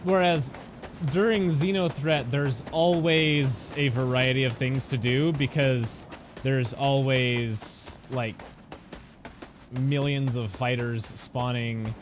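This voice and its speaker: A man's voice: medium pitch, steady tone, slow pace. A man streaming a game and chatting casually, rambling with lots of fillers and restarts. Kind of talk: casual gameplay chat. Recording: game engine noise behind voice.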